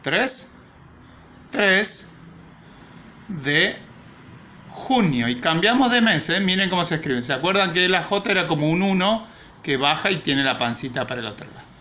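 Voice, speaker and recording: A young woman with an Argentine accent, a primary school teacher giving a playful lesson to children at home. She talks in a clear, slow way and stretches words as she teaches. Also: lowish voice, lively intonation, a bit bright, a little hiss or hum. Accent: Rioplatense Argentine Spanish.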